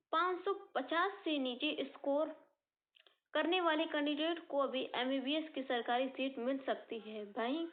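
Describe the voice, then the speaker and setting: Woman coaching teacher, high voice, earnest informal explainer, tinny phone-like recording. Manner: earnest, repeats and rephrases points, speaks directly to students. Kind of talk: informal exam-results explainer.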